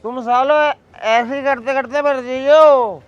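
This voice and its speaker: Slow, high-voiced scolding man. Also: steady tone, clean tone, dull audio, soft background music. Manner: lecturing, scornful.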